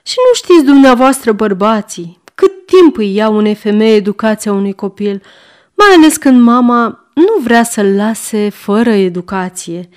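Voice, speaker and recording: A doting, fussy mother, read by a woman narrator, gushes about her son in a chatty way. Her voice sits a little high. The scene comes from a storybook reading. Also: expressive, smooth, close to an everyday voice.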